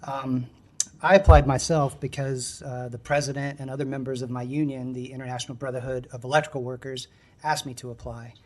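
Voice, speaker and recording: A man giving a measured, formal podium speech with prepared remarks at a public meeting. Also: medium pitch, flat delivery, a little mellow. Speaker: applicant, union member.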